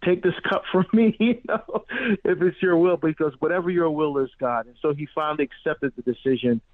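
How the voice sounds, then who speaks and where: A middle-aged man born in Barbados and raised in New Jersey, a guest on a radio interview, telling his story with animated restarts and many fillers. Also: fairly high pitch, fairly quick, dry recording. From born in Barbados, grew up in New Jersey. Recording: tinny phone-line sound, dry.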